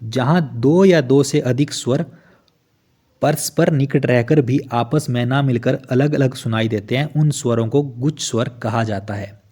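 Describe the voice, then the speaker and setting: A man's voice: medium pitch, a little slow, mellow. A man teaching an online exam-prep lesson, explaining step by step and repeating each definition after asking and answering his own questions. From Himachal Pradesh, India.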